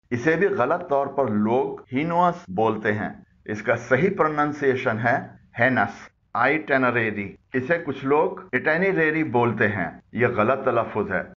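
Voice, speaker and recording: Urdu-speaking guy teaching how to say english words, steady explainer tone, kinda muffled recording. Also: medium pitch. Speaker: language teacher. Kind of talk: explanatory lesson.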